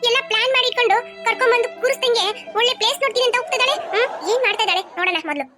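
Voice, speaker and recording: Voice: very high-pitched, rapid-fire. A performer voicing a fussy, tired middle-aged woman in a cartoon, complaining and bossy, with children's music behind. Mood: grumbling. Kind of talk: cartoon voice acting.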